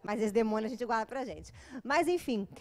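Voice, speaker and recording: A woman's voice: a little high, a little fast. A woman psychologist giving an informal, joking lecture to an audience, acting out little scenes as she goes. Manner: lively, joking, acts out little quoted scenes.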